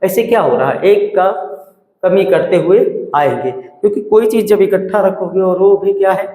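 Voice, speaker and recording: A fairly high-voiced male maths teacher works through a problem step by step, asking questions and answering them himself. His voice bounces around a bare room with a long, ringing reverb. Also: darkish tone. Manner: asks and answers his own questions, repeats numbers. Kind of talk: classroom maths lesson.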